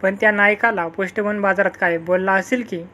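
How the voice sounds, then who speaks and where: A reader puts on a patient, humble village farmer from a storybook tale. He speaks in a plain rustic way at a middling pitch. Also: steady tone, fairly quick, bright, forceful tone, close to an everyday voice. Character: poor farmer father Rama, humble and patient.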